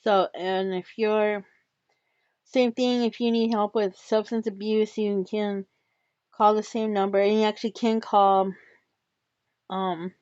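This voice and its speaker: A woman's voice: medium pitch, steady tone, unhurried, pauses often, a little mellow, no room sound, muffled recording. A woman hosting her own channel, talking casually and frankly to her viewers and swearing freely. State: coughing and hiccuping. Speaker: channel host. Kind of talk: casual solo commentary.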